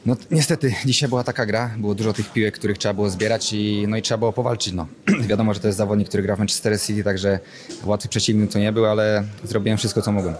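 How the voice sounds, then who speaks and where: A young footballer answering modestly and plainly in a post-match interview, clearing his throat, into a handheld microphone. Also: fairly low pitch, fairly even intonation, fast. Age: young adult. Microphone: handheld broadcast mic.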